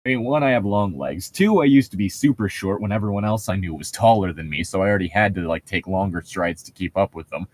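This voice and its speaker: This young adult co-host talks fast in a low-pitched voice with few pauses, bantering casually and sarcastically mocking a book as he reads it aloud. He swears freely.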